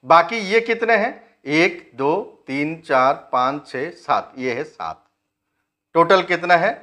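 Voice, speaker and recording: A man's voice: a little high, lively intonation, sharp tone. A man with an Indian accent teaching a phonetics lesson, explaining step by step and quizzing his learners. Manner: explains step by step, asks the class questions and answers them; switches between two languages, reads English text slowly.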